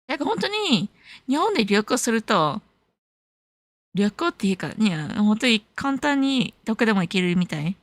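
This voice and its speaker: Answering her viewers in a casual chat, a young California woman streams while moving between English and Japanese, often laughing. Her voice is on the high side with big pitch swings and a moderate pace, and there's no room sound.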